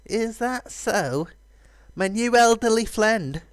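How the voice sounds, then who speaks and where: A man's voice: high-pitched, animated, clean tone, no room sound, pitched above the performer's own voice. A bold, cheeky young woman speaks in a raised, stagey voice, drawing her words out for effect, as a man voices her. The sound is close and dry, with nothing around it. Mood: teasing. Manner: slow, stagey, teasing delivery.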